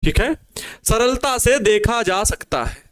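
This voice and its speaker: A young man teaching physics in a board exam crash course, repeating key phrases slowly for students to write down and coaxing them with casual asides. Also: high voice, lively intonation, fairly bright tone. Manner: casual asides calling students babua and babu.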